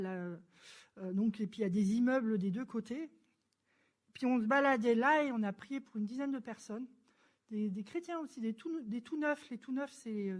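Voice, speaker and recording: A woman giving a church testimony, telling her story in a lively, chatty way and acting out the dialogue. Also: on the high side. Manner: lively storyteller who acts out dialogue and laughs; chatty and informal, with frequent fillers.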